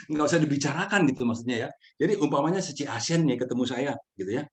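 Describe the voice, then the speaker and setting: A man speaking gently and unhurriedly as speaker of a mindfulness session, answering audience questions with frequent chuckles. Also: mid-range voice, expressive, quick pace.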